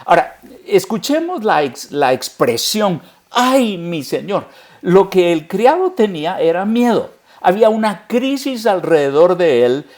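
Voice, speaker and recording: A man's voice: high voice, sing-song, a little slow, darkish tone. A man, a pastor, preaching a sermon earnestly and speaking straight to the listener.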